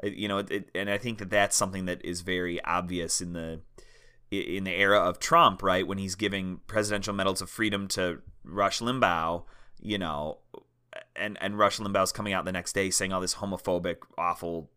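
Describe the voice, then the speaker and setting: Guy with a really low bright voice, rambly film talk, keeps saying right. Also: steady tone, normal speed, clear, resonant tone. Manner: rambling, circles back with "right?". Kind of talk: casual academic discussion.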